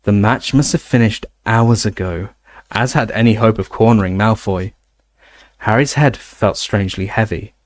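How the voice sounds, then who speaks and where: A man reading a novel aloud in an expressive way, now and then stumbling and restarting a word. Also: lowish voice, normal speed. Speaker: reader. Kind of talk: audiobook reading.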